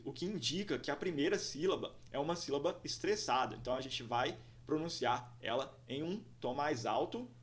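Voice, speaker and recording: A man teaching pronunciation in a scripted lesson, slow and careful, repeating each example word several times for drilling. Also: a little high. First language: Portuguese.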